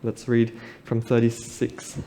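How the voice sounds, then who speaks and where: A man preaching a sermon at a pulpit microphone, reading scripture aloud and reflecting on it in a measured, earnest way. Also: medium pitch, monotone, dark tone, slight background noise, rough recording.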